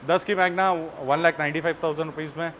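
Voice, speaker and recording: A man's voice: fairly high pitch, fairly even intonation, fast, a bit bright. A man, a used-car dealer giving a hard-sell list of models and prices with emphatic repeated phrases. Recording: faint ambient background noise.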